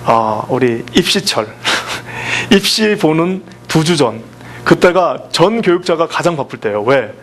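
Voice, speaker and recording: A man preaches from the pulpit with a fairly high, very animated voice. He asks the congregation questions and acts out the lines of the people he quotes. A faint hum sits under the recording. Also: a little slow. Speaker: pastor. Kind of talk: sermon.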